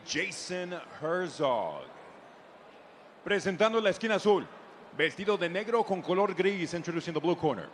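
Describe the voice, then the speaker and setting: A man's voice: high-pitched, fairly bright tone, slight background noise. A man working as a bilingual ring announcer, making ceremonial fight introductions and decisions with showman flair. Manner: ceremonial, drawn-out showman delivery of fighter names.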